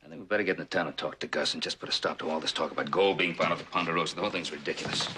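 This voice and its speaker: An actor playing a firm, principled ranch patriarch in a TV western, speaking with emphatic authority. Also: male voice, low-pitched, rapid-fire. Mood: firm, concerned. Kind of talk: TV western drama acting.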